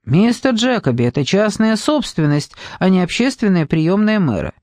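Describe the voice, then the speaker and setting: A man's voice: high-pitched, sing-song, moderate pace, a little mellow, no room sound, clean studio sound. A man voicing a stiff, disapproving butler who pleads in exasperation. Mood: pleading.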